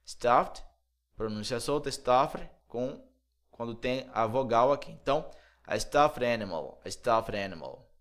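Brazilian male English teacher, unhurried, drilling vocabulary by repetition. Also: medium pitch, lively intonation. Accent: Brazilian Portuguese, Mato Grosso. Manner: slow, repeats words over and over for drilling. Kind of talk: video English lesson for Portuguese speakers.

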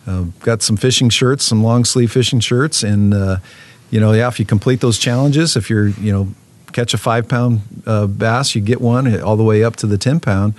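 A man's voice: on the low side, steady tone, moderate pace. A man, a fishing program manager, talking casually in an interview, with many fillers and restarts.

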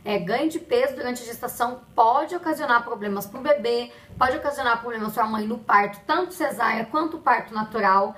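A woman's voice: fairly high pitch, brisk, few pauses, roomy sound, poor audio. A young Brazilian woman talking casually and expressively to her viewers in a pregnancy diary vlog. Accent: Brazilian Portuguese. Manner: chatty, expressive, addresses viewers directly. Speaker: vlogger.

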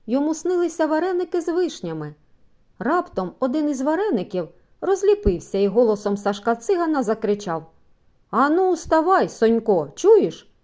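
A woman's voice: on the high side, mellow. A woman narrating a children's story as an audiobook, reading expressively and giving the characters voices.

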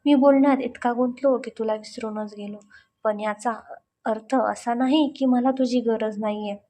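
A woman doing a young college guy, earnest and pleading, kinda high voice, storybook reading. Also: fairly even intonation, normal speed, mellow, natural voice. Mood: apologetic. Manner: pleading, heartfelt.

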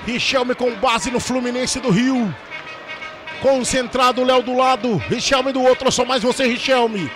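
High-pitched Brazilian man, explosive goal commentary. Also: music in the background. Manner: excited, dramatic, drawn-out goal shouts. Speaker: football play-by-play commentator.

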